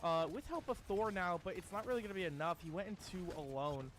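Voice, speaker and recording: With a high, animated voice and a quick pace, this male esports caster calls the match over a noisy background. His commentary stays loose and conversational, full of "dude" and "bro," often trailing off into filler words.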